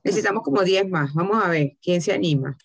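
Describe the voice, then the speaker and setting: A woman co-hosting a casual podcast, chatty and quick to react. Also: fairly low pitch, over a noisy crowd. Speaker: podcast co-host. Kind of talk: casual chat.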